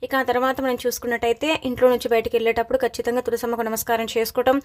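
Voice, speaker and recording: A woman astrologer giving a horoscope forecast in a steady, advice-giving way, with frequent verbal fillers. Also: fairly high pitch, very fast.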